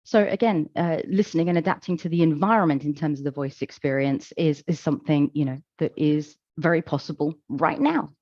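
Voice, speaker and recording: A woman giving a conference presentation, explaining in a measured, calm way with occasional fillers. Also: deep voice, no echo, muffled recording. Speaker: conference speaker. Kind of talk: presentation talk.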